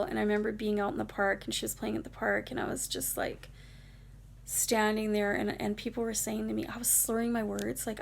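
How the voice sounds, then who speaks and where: A woman's voice: a little high, gravelly. A woman vlogger telling a personal story in a casual, rambling, emotional way, with many fillers.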